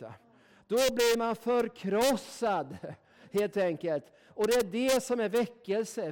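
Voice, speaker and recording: A man preaching with a noticeably high voice. He talks in a folksy, emphatic way, driving his points home and checking in with the listeners with a quick "right?" at the end of his sentences. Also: a little mellow. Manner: folksy, emphatic, keeps asking "va?". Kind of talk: sermon.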